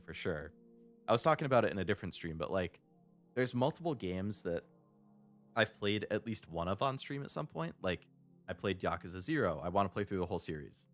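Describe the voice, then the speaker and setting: A man streaming a game, rambling in casual chat and laughing often into a desk microphone. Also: mid-range voice.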